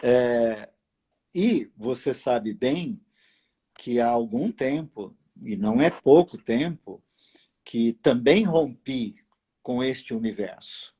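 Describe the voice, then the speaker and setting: A man hosting a late-night live video chat from his apartment, speaking slowly and deliberately with long pauses and fillers. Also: mid-range voice, animated, dark tone, breathy edge. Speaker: host. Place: apartment at home.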